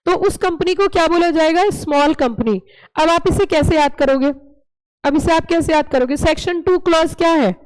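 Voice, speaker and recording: A woman with a very high voice teaching a live classroom lesson. She is playful and animated and keeps quizzing her students with repeated questions. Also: moderate pace, low-quality recording. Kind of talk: classroom lecture.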